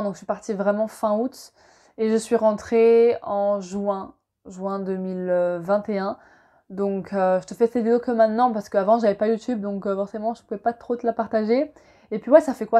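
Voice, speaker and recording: A young woman from France telling a relaxed personal story to camera, chatty and full of fillers and asides. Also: mid-range voice, fairly quick. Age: young adult. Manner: chatty, many fillers and asides, laughs easily. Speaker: vlogger.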